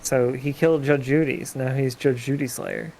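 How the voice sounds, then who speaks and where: A man's voice: medium pitch, fairly even intonation, normal speed, a little mellow, a little hiss or hum, rough recording. A man chatting casually as a co-streamer on a game livestream. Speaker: co-streamer reading game dialogue.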